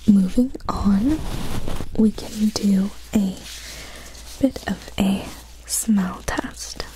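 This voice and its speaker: A woman doing a whispered role-play as a clinic examiner, in a breathy whisper with gentle, soothing encouragement. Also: mid-range voice, very slow, noisy background. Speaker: ASMR performer playing a clinic examiner.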